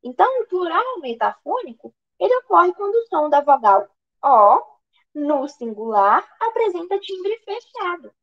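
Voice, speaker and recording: A woman's voice: very high voice, very animated, measured pace, highs cut off. A woman with a Brazilian accent giving an online grammar lesson as an exam prep tutor, asking questions and answering them herself, with frequent restarts. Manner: asks and answers her own questions, restarts often.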